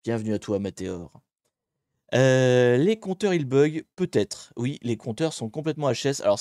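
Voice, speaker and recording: A man running a casual live hacking stream, chatty and quick to joke as he welcomes his viewers by name. His voice sits in an ordinary middle register. It is captured close on a desk microphone with a dry, roomless sound. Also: mid-range voice, no room sound. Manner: lively, jokey, greets chat viewers one by one. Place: home streaming setup with green screen.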